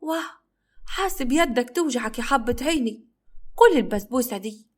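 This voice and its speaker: Woman doing a teasing young wife, high and quick, coy. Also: lively intonation.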